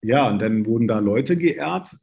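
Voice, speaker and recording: Gravelly-voiced man telling a story. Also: mid-range voice, a little slow. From Berlin, Germany. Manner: lively anecdotes, acting out quoted dialogue. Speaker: interview guest, sales business leader. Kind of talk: casual storytelling in conversation.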